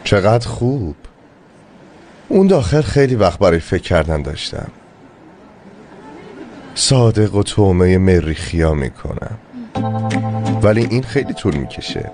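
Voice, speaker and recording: A man dubbing a cold, gloating villain in a TV drama. He speaks in a taunting, slow and deliberate way. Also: low-pitched, big pitch swings, darkish tone, faint music behind. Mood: menacing. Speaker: threatening villain. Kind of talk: dubbed TV drama acting.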